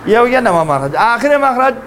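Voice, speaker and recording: A man's voice: very high-pitched, sing-song, a bit bright, a little hiss or hum. A man teaching Quran letter pronunciation in a classroom, drilling sounds aloud and coaxing students to repeat. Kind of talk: classroom tajweed lesson.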